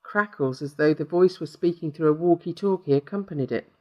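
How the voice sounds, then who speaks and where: A man narrating a short horror story in a steady, measured way. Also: fairly high pitch, lo-fi sound.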